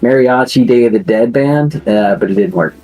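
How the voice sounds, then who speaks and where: A man's voice: medium pitch, normal speed, mellow, poor audio. A man chatting casually as a player in a tabletop game stream, joking and laughing often. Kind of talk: casual chat between players.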